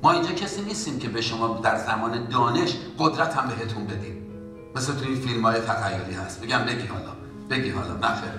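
A man preaching a sermon as a pastor, in an impassioned way that rises to loud exhortation. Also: mid-range voice, animated, over music. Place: church. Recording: echoey church hall from far off.

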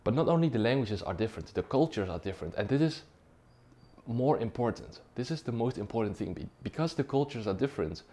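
A young language-learning YouTuber whose first language is Dutch talks fast and expressively in a mellow, mid-range voice while explaining at a whiteboard. He keeps it casual in his small, dim room, frequently tossing in "right?" and "okay?".

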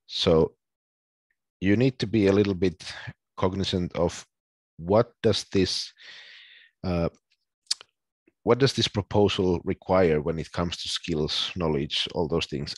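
Low husky man presenting on a call. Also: no echo. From Finland. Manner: explains plainly with frequent ums and pauses. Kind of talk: casual online presentation. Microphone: video call.

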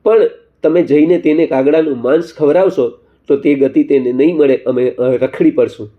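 A man's voice: fairly high pitch, moderate pace, phone-quality sound, natural voice. A man voicing two lamenting young goddesses in a storybook tale, in his own voice.

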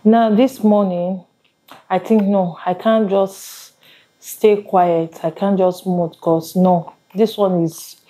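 A woman's voice: medium pitch, steady tone, takes it slowly, mellow, rough recording. A young woman talking casually to camera at home, rambling with restarts and pidgin asides. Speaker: vlogger mother. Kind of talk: casual vlog talk to camera. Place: home, indoors.

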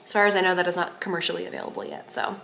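A vlogger in her thirties races through a casual, playful, gushing chat to a camera at arm's length in her home kitchen and dining room. Her lowish voice is gravelly, pushed and bright with lively intonation, and soft background music plays under a roomy echo and light background noise.

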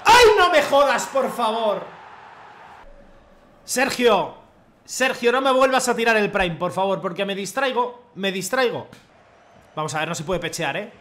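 A young man, commentating his own football video game match in the style of a TV commentator and bursting into long shouted goal calls. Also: high-pitched, a little slow, long pauses, a little hiss or hum. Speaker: gaming youtuber playing a football career mode. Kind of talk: excited self-commentary while gaming.

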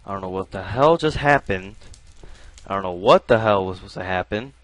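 A young man cursing and complaining through his own live gameplay commentary, swinging from mutters to yells. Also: low-pitched, expressive, fairly quick, no echo. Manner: cursing, frustrated, swings between muttering and yelling. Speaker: gamer.

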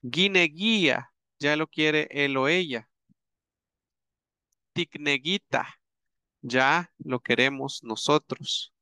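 A man teaching a grammar lesson, patient and repetitive, with many pauses and fillers as he works through examples. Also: a little high, sharp tone, clean tone, no echo. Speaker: language teacher.

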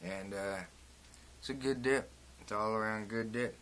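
A young man with a dip in his lower lip, casually rambling through a review from a small shed, recorded on a propped-up phone. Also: steady tone, a little slow, fairly bright tone, a little hiss or hum. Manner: laid-back, repetitive, plain country speech. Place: small open shed, rain outside. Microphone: phone propped on a door.

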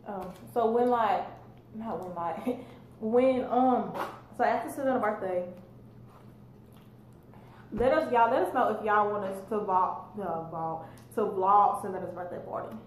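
A woman's voice: medium pitch, measured pace. A laid-back woman hosts a casual eating vlog, chatting easily and addressing her viewers directly. Her mid-range voice bounces around an echoey room. A faint hiss of background noise sits underneath. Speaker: vlogger and host. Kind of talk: casual mukbang chat.

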